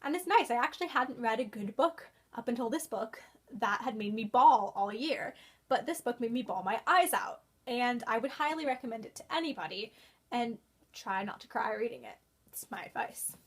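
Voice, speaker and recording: Young female book vlogger, gushing, chatty, slightly high voice. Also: husky. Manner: gushing, excitable, quick to exclaim. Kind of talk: casual book review vlog.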